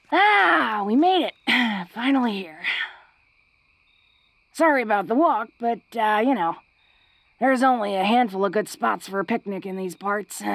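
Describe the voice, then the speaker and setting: This mid-range female voice, recorded with no echo, belongs to a woman portraying a rough, flirtatious orc woman who is awkward underneath. Her lines in the intimate romantic roleplay are hesitant, folksy and teasing.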